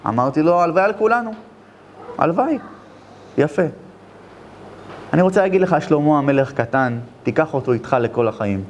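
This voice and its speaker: A man, a rabbi, giving a sermon full of storytelling, shifting between hushed narration and loud exclamations. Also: on the high side, animated, long pauses, slight background noise. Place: lecture at an event.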